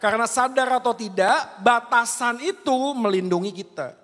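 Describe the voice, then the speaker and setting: A man with an Indonesian accent preaching a sermon in a lively, conversational way, dropping in English words. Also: very high-pitched, normal speed. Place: large church hall. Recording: church hall reverb.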